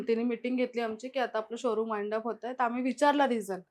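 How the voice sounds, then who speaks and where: In a chatty storytelling style, a young woman guest relives her experiences, acting out lots of quoted dialogue from those involved. Her voice is a little high and a little mellow, quick in pace with fairly even intonation.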